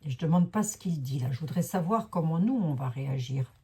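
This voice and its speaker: A woman with a Lorraine French accent reads tarot cards for her viewers on a casual livestream, chatty and self-mocking as a psychic card reader. Her low, dark voice is animated and a little fast, with a breathy edge.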